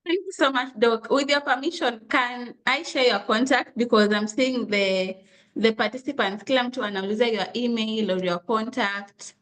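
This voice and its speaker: A woman's voice: on the high side, normal speed, fairly bright tone. A woman with a Kenyan accent moderating a session, briefly relaying questions from the audience.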